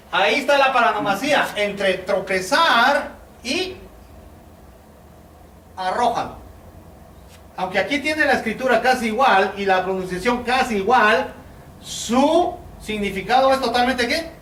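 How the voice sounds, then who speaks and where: A man's voice: extremely high pitch, lively intonation, measured pace, pauses often, pushed and bright. A man giving a Bible study lecture, using many fillers and asking his listeners rhetorical questions. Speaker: teacher. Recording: roomy, distant mic with faint noise.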